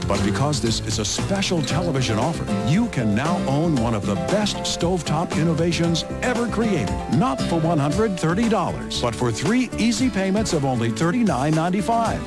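A man reading a scripted home shopping sales pitch as an infomercial announcer, emphatic and persuasive. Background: loud music bed.

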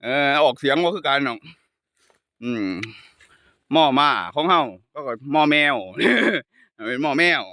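Isan monk guy joking around on a hill walk, high bright voice, dry sound. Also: no room sound. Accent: Northeastern Thai (Isan). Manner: playful, laughs often, teasing storytelling. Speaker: Buddhist monk. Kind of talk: casual joking chat. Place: outdoors on a hill path to his hut.

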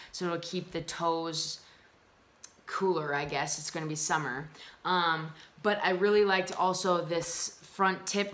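A woman's voice: fairly low pitch, pushed and bright. A young woman from the United States in a casual, upbeat gear review, talking chattily with frequent ums, recorded indoors on a laptop camera mic. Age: young adult. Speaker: vlogger reviewing hiking gear. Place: small room indoors at a table.

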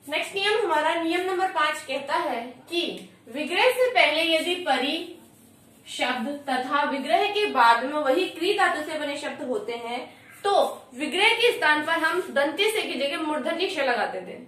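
A woman's voice: high voice, animated, normal speed, a bit bright. A woman teaching a Hindi grammar lesson for exam preparation, repeating each rule and asking and answering her own questions. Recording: echoey room, far from the mic.

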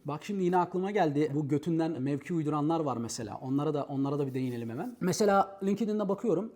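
Fast-talking man, brash, slangy, mocking, comic storyteller. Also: a little high, a little mellow. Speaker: host.

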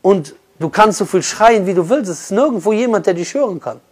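A man preaching a sermon with passion, speaking straight to his listeners as brother and sister and swinging from loud urging to hushed, quiet lines. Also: sits high, animated, a little fast, husky.

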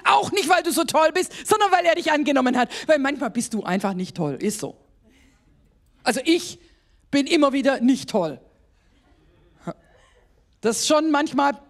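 A woman pastor with a German accent preaching a sermon, emphatic and exclaiming, laughing at herself at times. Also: high-pitched.

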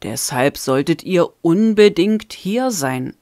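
A woman's voice: on the low side, animated, slow pace, darkish tone, no room sound, studio quality. A woman reading a teasing, grinning man. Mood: explaining. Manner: mocking, playful.

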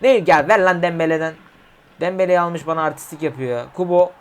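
Young male gamer, high voice, excitable commentary of his own match, shouts at goals. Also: fairly quick, smooth. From Turkey. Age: 20s. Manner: excitable, yelling player names at goals, swearing at the game. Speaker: gaming YouTuber. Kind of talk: live mobile football game commentary.

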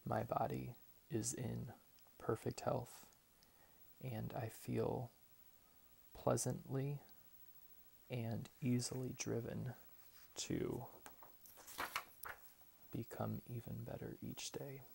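A man in his twenties gives a soft, whispered ASMR pep talk in a hushed, deliberate manner with long pauses. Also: medium pitch, flat delivery, gravelly, slightly rough. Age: 20s. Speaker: ASMR creator reading positive affirmations. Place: small bedroom at home, indoors.

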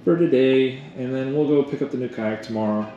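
A man chats casually to his camera about his kayak, loose and friendly, with laughs breaking in. The sound is roomy, and there is clear noise behind him. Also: mid-range voice, brisk, narrow, tinny audio. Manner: relaxed, chatty, laughs often. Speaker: fishing channel host. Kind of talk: casual vlog chat. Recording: echoey with loud background noise.

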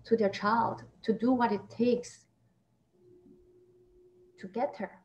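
Her voice is a little high and darkish, with fairly even intonation and a slow pace, as this actress in her thirties answers interview questions conversationally. Born in Taiwan and raised in Austria, she speaks from a small plain room via a computer mic on a video call, and the recording is muffled with background noise.

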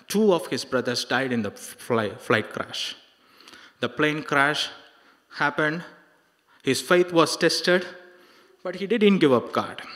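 A middle-aged man preaching a story to young people, haltingly, with repetitions and rhetorical questions, into a handheld microphone. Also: fairly high pitch, fairly bright tone. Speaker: preacher at a youth service. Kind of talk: sermon telling a life story. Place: large indoor hall on a stage. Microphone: handheld microphone held close. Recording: hall reverb on handheld microphone.

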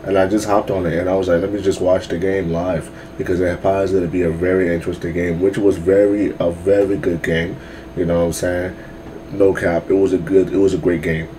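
A man's voice: deep voice, level tone, brisk, warm tone, a little hiss or hum, poor audio. A young man chatting casually as a YouTuber reacting to a game, tired and late at night, slangy and repeating himself as he trips over his words.

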